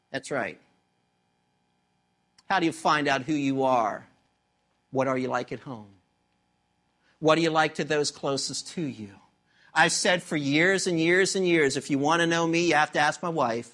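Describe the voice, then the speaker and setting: Animated middle-aged male pastor preaching. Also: fairly high pitch. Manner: animated storytelling with acted-out voices and humor. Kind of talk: sermon.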